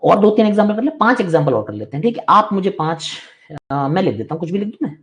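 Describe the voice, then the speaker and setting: A man's voice: high-pitched, big pitch swings, fast talker, fairly bright tone. A man teaching a live online maths class, chatty and reassuring but firm with students who interrupt.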